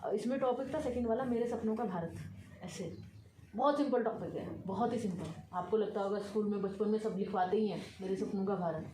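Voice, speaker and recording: A woman's voice: mid-range voice, a little fast, mellow, slight background noise. Earnest woman giving advice, echoey room. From India. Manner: earnest, conversational, emphatic. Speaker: civil servant giving exam advice. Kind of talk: casual advice talk.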